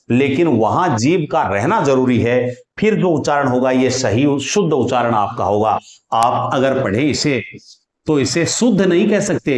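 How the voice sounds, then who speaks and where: A man teaching a lesson on Hindi consonants, asking questions and repeating sounds slowly for his students. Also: medium pitch, echoey room. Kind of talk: explanatory grammar lesson.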